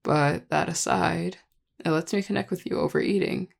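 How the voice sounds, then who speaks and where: A performer voicing a charming, affectionate vampire lover in an intimate audio role-play, teasing and tender in a relaxed, gravelly voice. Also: medium pitch, normal speed. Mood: tender, reflective. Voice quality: gravelly, heavy vocal fry. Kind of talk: intimate audio role-play, one-sided dialogue to listener.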